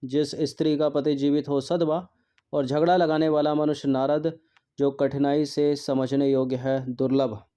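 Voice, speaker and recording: A man's voice: on the high side, little pitch movement, normal speed, dark tone, smooth. A male teacher going through exam practice questions, repeating words to drill their spelling and mixing in English terms.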